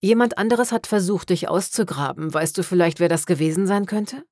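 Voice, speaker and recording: A young necromancer talks softly and kindly, with a dry, teasing humor, voiced by a woman reading aloud. Her voice is fairly low in pitch. The sound is dry and close-miked. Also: a little fast, dry recording, lightly acted. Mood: gentle. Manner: soft, friendly, lightly teasing. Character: wry young woman necromancer, gentle and amused.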